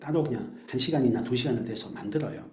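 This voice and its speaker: A man teacher explaining his math classes to parents, animated, acting out quick scenes of teachers and students. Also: mid-range voice, echoey room.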